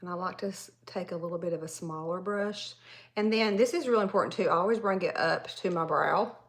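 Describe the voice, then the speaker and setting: A woman's voice: lowish voice, a little fast. A woman in her forties from Tennessee with a Southern accent, chatting casually with viewers while she does her makeup on a livestream. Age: 40s. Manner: chatty, rambling, addresses viewers directly. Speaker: makeup artist livestream host.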